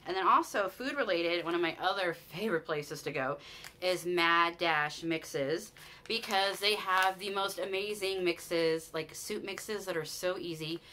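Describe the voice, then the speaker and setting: A Utah-accented woman in her forties, vlogging a casual shopping haul from a small room at home, speaks in a low, unhurried voice with a sharp tone and a faint hiss or hum. She's chatty and enthusiastic toward the camera, with frequent restarts and plenty of "you guys."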